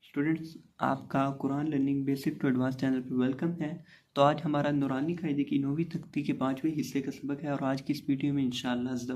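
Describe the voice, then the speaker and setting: A man teaching a recorded Quran reading lesson, patiently explaining tajweed rules and spelling out letters before reciting words slowly and drawn out. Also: mid-range voice, a little mellow, a little hiss or hum.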